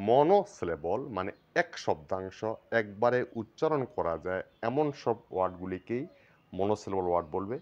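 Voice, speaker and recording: A man with a Bangladeshi accent teaching an English grammar lesson, explaining step by step, repeating terms and drawing words out slowly to show their syllables. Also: lowish voice, darkish tone, highs cut off.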